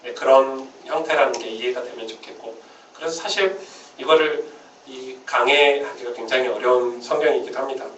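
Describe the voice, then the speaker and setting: A man preaches at a Friday church service in an easy, conversational way, filling pauses with "uh" and restarting sentences. He sounds set back from the microphone in an echoey sanctuary. The phone recording is dull and muffled, with faint room noise behind him. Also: medium pitch, fairly bright tone, recorded from a distance. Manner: conversational, frequent "uh" fillers and restarts. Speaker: pastor. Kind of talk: casual sermon at a Friday service.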